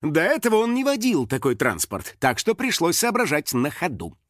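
A man narrating a children's audiobook in an expressive, storytelling manner, recorded close to the microphone. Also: fairly high pitch, normal speed, dry recording.

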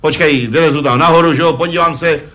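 A man's voice: on the high side, fairly bright tone, slight background noise, natural voice. Spejbl, a man playing a pompous puppet father. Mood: lecturing. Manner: self-important, lecturing, fond of "že jo". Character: pompous blustering puppet father, know-it-all. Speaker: puppet performer. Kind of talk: vintage puppet comedy sketch.

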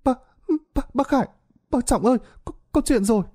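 A man's voice: sits high, normal speed, warm tone, pitched above the performer's own voice, close to an everyday voice. A man voicing a frightened village boy in a storybook tale, stammering and urgent. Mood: panicked.

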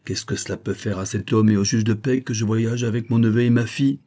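A man voicing a proud, imperious old army general in an audiobook, speaking in a commanding, haughty way with a husky voice. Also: on the low side, steady tone, brisk, warm tone, natural voice. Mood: indignant.

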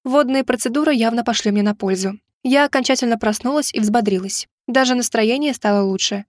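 Woman reading an audiobook, fairly high voice, dry close mic. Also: brisk, dry recording. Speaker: audiobook narrator. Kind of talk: first-person audiobook narration.

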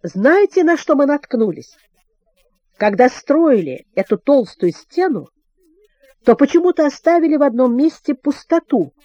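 A woman's voice: sits high, very animated, a little slow, dark tone, no echo, dull audio, pitched above the performer's own voice. Woman voicing an eager teenage boy leader.

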